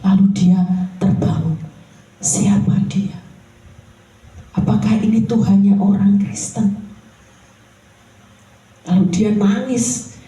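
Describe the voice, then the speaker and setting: A woman preacher giving an animated, storytelling sermon at a home worship service. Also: medium pitch, slow, long pauses. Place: living room of a house. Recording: very echoey room, from far off.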